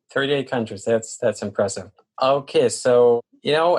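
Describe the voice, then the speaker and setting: A man hosts an interview podcast and sets up each question in a measured way. He drops in short "uh" fillers as he goes. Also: lowish voice, a little mellow. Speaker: podcast host. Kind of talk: interview hosting.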